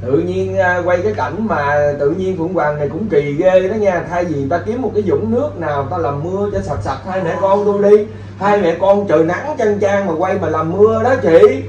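A man telling stories in lively, casual chat with his stage mentor. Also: high voice, normal speed, few pauses, muffled recording. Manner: lively, animated storyteller. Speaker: stage actor visiting a mentor. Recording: echoey room, distant mic, faint noise.

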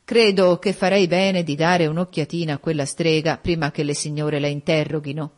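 A woman reading an audiobook voicing a brisk, decisive male colonel addressing the ladies. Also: sits low, steady tone, close to an everyday voice.

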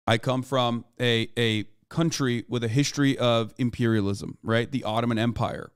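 A man in his thirties streams from a small room at home, delivering emphatic, lecturing political commentary full of profanity into a close desk microphone. His medium-pitched voice stays fairly even in intonation, smooth and moderately paced, with a dry recording.

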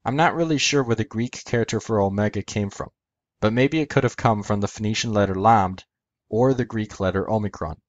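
A man's voice: fairly low pitch, brisk, dry recording, lo-fi sound. A man hosting an educational video, narrating a methodical scripted explanation step by step.

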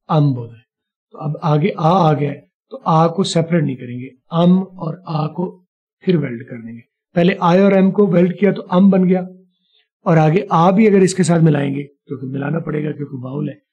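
Husky man teaching English, lo-fi. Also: on the high side, dark tone. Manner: explanatory, repeats points, slows down for English examples. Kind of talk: casual spoken-English lesson.

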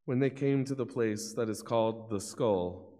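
At a church lectern, a middle-aged man narrates scripture in a formal, solemn manner with deliberate phrasing. His voice is medium-pitched and warm, picked up by a gooseneck microphone amid long church reverb.

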